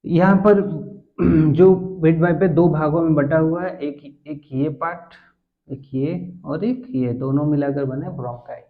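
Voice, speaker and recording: A man with a somewhat high voice explains biology in a classroom lecture. He fires rhetorical questions, answers them, and checks that his students are following. The sound is thin and phone-like. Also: unhurried. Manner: asks quiz questions and answers them himself; mixes English science terms into Hindi. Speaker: biology teacher.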